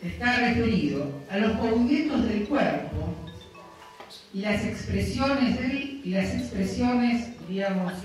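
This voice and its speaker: A man giving a university lecture, explaining step by step and often checking in with his students. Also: sits high. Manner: explanatory, keeps checking in with the class. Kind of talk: classroom lecture. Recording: very echoey room, distant mic.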